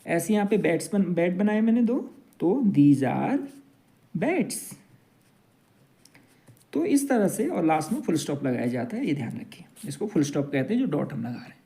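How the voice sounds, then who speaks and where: A man's voice: a little high, big pitch swings, vocal fry, warm tone. A man teaching an English grammar lesson, drawing out each example sentence. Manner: slow, drawn-out example sentences.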